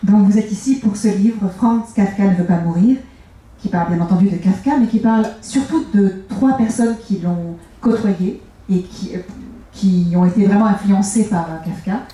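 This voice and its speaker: A woman's voice: medium pitch, normal speed, mellow, far from the mic. A woman moderating a live book talk, asking poised, polite questions. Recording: echoey room, from afar.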